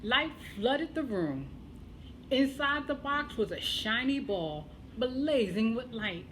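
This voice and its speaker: A woman telling a children's tale as a storyteller, expressive and deliberate, with dramatic pauses. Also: fairly high pitch, slight background noise.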